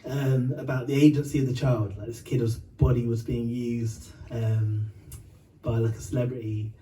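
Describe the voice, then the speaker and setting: A man's voice: mid-range voice, little pitch movement, moderate pace, dark tone, far from the mic, slight background noise, low-quality recording. A man from Uganda and Britain telling a long, rambling story between songs, full of fillers, swearing and laughter.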